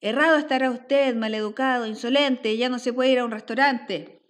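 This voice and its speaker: A woman's voice: fairly high pitch, steady tone, normal speed, lightly acted. A woman reading as an indignant rude customer. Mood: shouting. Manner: complaining, insulting, haughty. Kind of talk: reading a play script aloud.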